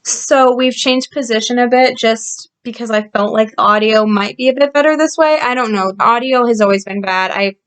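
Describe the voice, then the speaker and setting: A woman reading a story aloud and commenting on it in a calm, explanatory way, with frequent fillers, recorded on a computer's built-in mic. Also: fairly high pitch, moderate pace, few pauses, smooth. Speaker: channel host reviewing a story. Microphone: built-in computer microphone.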